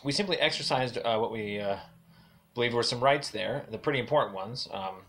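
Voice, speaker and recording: A man leaving a long voicemail as a caller, speaking in a halting way with many fillers and a formal complaint tone. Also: mid-range voice, a bit bright.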